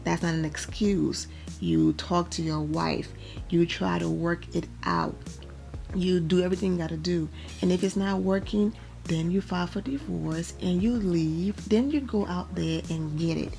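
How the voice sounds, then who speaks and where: A woman's voice: fairly low pitch, unhurried, gravelly, warm tone, faint music behind. A young woman from Liberia, hosting a casual, opinionated recap vlog and laughing often. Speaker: vlog host reviewing a reality show.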